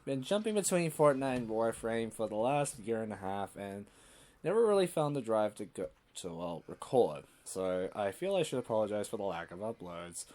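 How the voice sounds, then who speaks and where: A young man giving casual, rambling gameplay commentary, self-deprecating and full of pauses and restarts. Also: on the low side, very animated, darkish tone. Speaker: gaming YouTuber.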